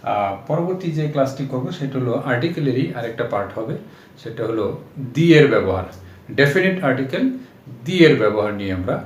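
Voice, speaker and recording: A man with a Bangladeshi Bengali accent sums up an English grammar lesson, speaking to his students as friends. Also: mid-range voice. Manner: warm, addresses students as friends. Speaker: English teacher. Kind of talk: lesson recap and sign-off. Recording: roomy echo, faint noise.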